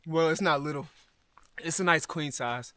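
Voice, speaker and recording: A man's voice: fairly high pitch, normal speed, fairly bright tone, clear, resonant tone, dry recording. Emotional man on a mountain hike. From Alabama. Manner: emotional, thankful, talks to viewers as y'all. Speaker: outdoor vlogger. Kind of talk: solo hiking vlog. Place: outdoors in snowy mountains.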